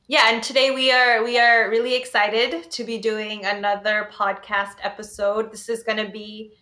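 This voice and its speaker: A woman's voice: a little high, level tone, moderate pace, sharp tone. A young adult woman co-hosting a podcast in a casual, conversational style. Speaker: podcast co-host.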